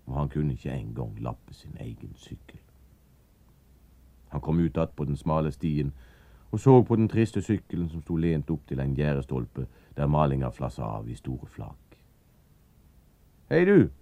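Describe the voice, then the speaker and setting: Very deep gravelly male narrator. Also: expressive, mellow, no room sound, muffled recording. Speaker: audiobook narrator. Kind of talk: reading a children's story aloud.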